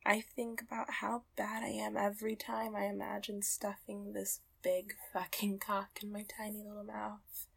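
A woman performing an intimate roleplay in soft, close whispers, often laughing quietly. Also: mid-range voice, little pitch movement, normal speed, gravelly, few pauses, husky.

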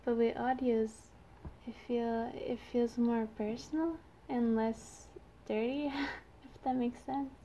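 Soft-toned young woman, Quebec French accent. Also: a little high, fairly even intonation, slow, a little hiss or hum. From Canada. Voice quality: youthful-sounding voice. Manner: shy, hesitant, giggly. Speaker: amateur audio creator. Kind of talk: casual chat to listeners.

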